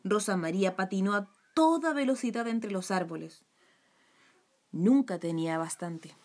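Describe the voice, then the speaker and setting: A woman reading a children's story aloud with gentle, expressive storytelling. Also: mid-range voice, moderate pace.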